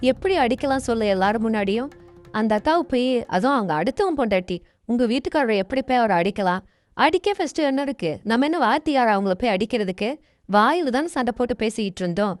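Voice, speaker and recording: An outspoken woman neighbor, voiced by a woman in a doll-serial drama, who reasons and pleads earnestly in a fairly high voice. Soft music plays faintly behind her. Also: lively intonation, quick pace, no echo, natural voice. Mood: pleading. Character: outspoken woman neighbor, apologetic then indignant. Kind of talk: amateur doll-serial voice acting.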